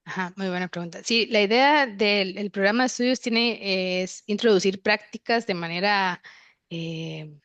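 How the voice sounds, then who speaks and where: A woman's voice: medium pitch, normal speed, fairly bright tone, no room sound. Woman, workshop presenter, explanatory, dry sound, video call. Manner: explanatory, says "¿verdad?" often. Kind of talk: workshop discussion.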